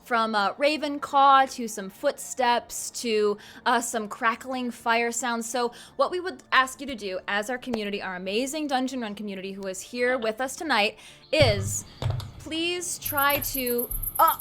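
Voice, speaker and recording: A woman's voice: a little high, measured pace, fairly bright tone, faint music behind. A woman co-hosting a streamed tabletop game, explaining the rules in a chatty, friendly way. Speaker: co-host.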